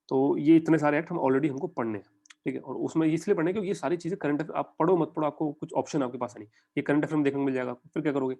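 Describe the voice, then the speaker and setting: A young Indian man giving a conversational exam-prep lecture, often putting quick questions to his students. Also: medium pitch, gravelly, darkish tone. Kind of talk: online lecture in mixed Hindi and English.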